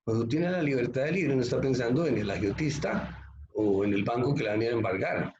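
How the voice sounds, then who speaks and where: Emphatic pastor in an echoey room. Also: male voice, mid-range voice, brisk, darkish tone, a little hiss or hum. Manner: emphatic, conversational preaching with rhetorical questions. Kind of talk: sermon. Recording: echoey, slightly muffled room recording.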